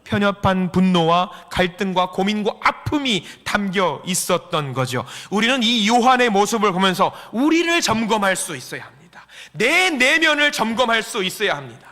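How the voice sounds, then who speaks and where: A male pastor giving a Sunday sermon in a church, swinging between shouts and near-whispers and acting out the voices he quotes. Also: high voice, very animated, moderate pace. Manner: acts out quoted voices and sighs. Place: church sanctuary. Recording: long church-hall reverb.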